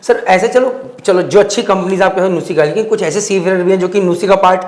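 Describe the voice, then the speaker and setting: A man's voice: sits high, quick pace, a little mellow. A male podcast host conducting a conversational interview, pressing his guest with follow-up questions and mixing English words into his speech. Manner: persistent, pushes with follow-up questions. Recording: roomy studio echo.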